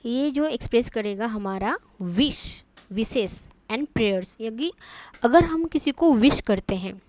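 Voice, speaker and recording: A woman's voice: a little high, lively intonation, slow, a little mellow, no echo. A woman teaching an online English grammar lesson, explaining step by step and checking in with her students often.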